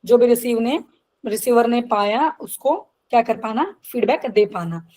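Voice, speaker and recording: Woman teacher, online class over a video call, slightly high voice, slow English definitions mixed with Hindi, keeps asking "clear?". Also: warm tone, poor audio. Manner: asks checking questions. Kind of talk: online lecture.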